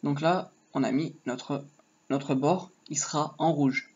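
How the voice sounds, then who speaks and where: Speaking slowly in a fairly high pitch, a man records a casual HTML tutorial from his screen, rambling and joking to himself as he keys in code. You can hear typing throughout, and the lo-fi microphone sounds dull with a little noise.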